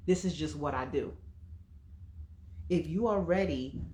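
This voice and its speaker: Preachy woman coach going off on a live stream, lowish voice, kinda echoey room. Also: unhurried, darkish tone. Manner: emphatic, preachy and direct. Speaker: emotional wellness coach. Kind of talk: livestream motivational talk.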